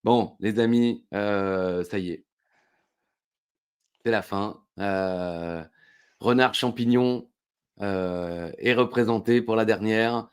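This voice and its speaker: A man's voice: on the low side, slow pace, pauses often, clean tone. A man hosting a podcast in casual banter, teasing dryly with many fillers. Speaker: podcast host.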